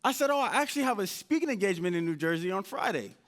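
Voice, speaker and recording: High-voiced man telling stories on stage. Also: rapid-fire. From United States (Indianapolis). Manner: animated storyteller, acts out his own past dialogue. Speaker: motivational speaker. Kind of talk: live motivational storytelling talk. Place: event stage before an audience.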